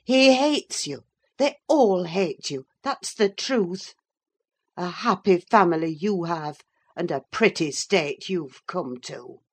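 An indignant housekeeper pleads and scolds in a raised, urgent voice, as a woman reads her part. Her underlying tone stays low and slow. It is heard in a storybook reading. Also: breathy edge. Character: indignant woman servant protecting a child. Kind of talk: audiobook character reading.

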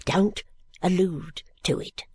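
A husky, gravelly little shopkeeper, as a male narrator puts him on, nervous and confiding. He stammers over his words and keeps everything hushed and secret. It is a storybook voice, slow and pitched higher than the narrator's own. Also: steady tone, dry recording, full character voice. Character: timid middle-aged male law stationer, confiding.

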